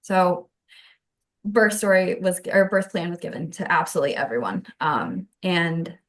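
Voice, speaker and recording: On a podcast, a woman in her thirties earnestly recounts her own birth story in detail, sometimes restarting her sentences. Her voice is fairly low and her pace moderate, in the style of conversational storytelling.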